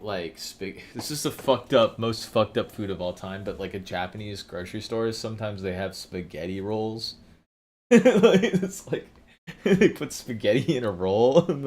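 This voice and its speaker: A man with a somewhat low voice talks loosely on his own livestream from home, drifting from one thought to the next. He swears freely and laughs often as he goes. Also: darkish tone. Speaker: livestream host. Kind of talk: rambling casual livestream chat.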